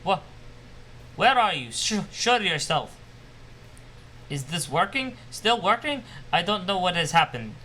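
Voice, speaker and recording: Guy doing a paranoid mad scientist, cheesy russian accent, slow drawn-out rants, kinda high voice. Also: sing-song, bright, forceful tone, a little hiss or hum, exaggerated voice. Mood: panicked. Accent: put-on Russian. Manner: ranting, paranoid, self-pitying. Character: bitter, obsessive male scientist losing his mind.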